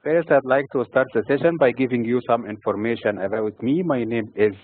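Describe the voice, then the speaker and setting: A man from Egypt giving scripted financial market commentary in a steady, formal delivery. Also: medium pitch, fairly quick, no echo. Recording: tinny phone-like recording.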